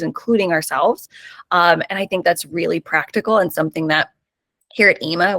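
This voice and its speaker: A woman's voice: lowish voice, a bit bright, dry recording. A woman hosting an interview, upbeat and encouraging as she introduces her guest and asks questions. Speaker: podcast host.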